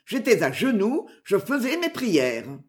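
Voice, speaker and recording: A woman's voice: medium pitch, wildly swooping pitch, a little slow. A woman reader voicing a half-mocking, sententious friar in a storybook reading. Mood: mock-pious. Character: jovial mocking friar, middle-aged man.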